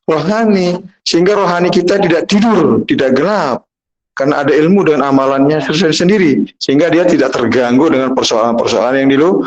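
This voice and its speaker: A man giving an unhurried sermon as a spiritual teacher, often pausing and restarting his phrases. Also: medium pitch, a little mellow, muffled recording. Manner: unhurried, halting, many restarts and fillers.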